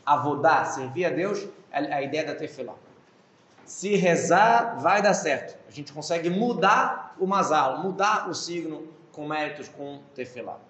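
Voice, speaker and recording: A man's voice: a little high, measured pace, fairly bright tone, reverberant, lo-fi sound. A man with a Brazilian Portuguese accent teaching the weekly Torah portion, explaining Hebrew terms and asking himself questions. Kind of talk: Torah lesson.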